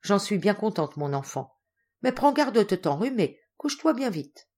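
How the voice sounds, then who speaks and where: A woman voicing a gentle, saddened widowed noblewoman who speaks tenderly to her daughter. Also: mid-range voice, very animated, moderate pace. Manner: soft, tender, resigned.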